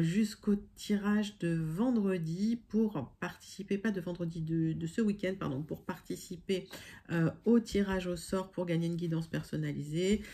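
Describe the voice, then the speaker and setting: A woman's voice: fairly low pitch, mellow, husky. Reassuring woman reading tarot cards. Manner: reassuring, talks straight to viewers as friends; hesitant, with frequent fillers and self-corrections. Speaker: tarot card reader. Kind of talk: casual online tarot reading.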